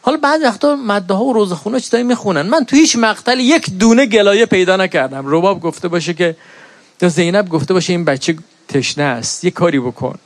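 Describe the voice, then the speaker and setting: A middle-aged man preaching a mourning sermon in a high voice. He moves from plain storytelling into an impassioned, lamenting chant of recited verses. The sound is dry and close, with no room around it. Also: expressive, no room sound.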